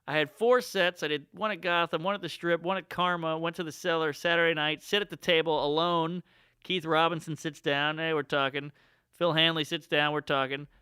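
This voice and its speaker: A man co-hosting a comedy podcast, telling stories in casual chat and slipping into quick voices for the people he quotes. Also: a little high, clean tone, no echo, clean studio sound. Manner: animated storyteller, does quick voices in quotes.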